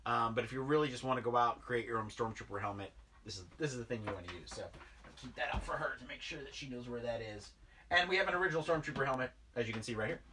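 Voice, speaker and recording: A man in his thirties, a toy collector vlogger, rambles casually while unboxing toys in his basement toy room, heavy on fillers and full of enthusiasm. His medium-pitched voice comes across bright and forceful. He's far from the mic indoors, and there's slight background noise.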